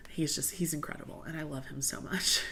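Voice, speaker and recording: Brisk and pushed, her low voice sounds bright and steady as she answers viewer questions on a casual livestream, with a little hiss or hum in the audio. She's a young Southerner who laughs often and sniffles from draining sinuses.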